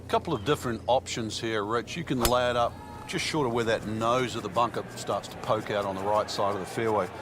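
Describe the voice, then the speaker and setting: A man working as a golf commentator, giving conversational, explanatory analysis in a measured way. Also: lowish voice, natural voice. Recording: outdoor crowd and ambient noise behind. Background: loud crowd, outdoor ambience.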